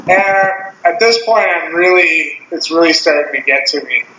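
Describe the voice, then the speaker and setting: Laughing storyteller, swears freely; higher voice in an echoey, lo-fi room. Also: male voice, a little slow, sharp tone. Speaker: podcast co-host. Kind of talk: casual chat. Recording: roomy, dull lo-fi sound with faint hiss.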